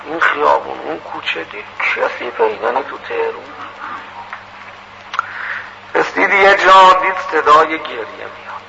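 A man preaching through a moral story, animated and acting out its dialogue, on a muffled recording with loud hiss. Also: fairly high pitch, gravelly. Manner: animated, acts out dialogue, quick asides.

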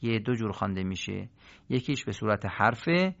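A man's voice: on the low side, expressive, creaky, fairly bright tone. A man teaching the rules of Quran recitation in a recorded lesson, explaining step by step and asking questions he then answers himself. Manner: explanatory, asks rhetorical questions and answers them. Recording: dull lo-fi audio.

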